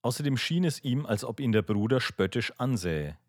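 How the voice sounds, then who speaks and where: A man reading literature aloud and speaking to listeners as a podcast host, calm and measured. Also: mid-range voice, dry recording, studio quality. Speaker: audiobook reader and podcast host.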